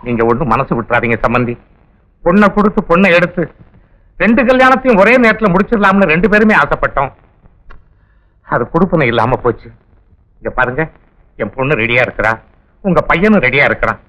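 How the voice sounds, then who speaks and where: A bride's father soothing and persuading his in-law. His voice is bright and lively, sliding up and down as he coaxes. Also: fairly high pitch, fairly quick, pauses often, rough recording. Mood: coaxing. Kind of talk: comic film acting.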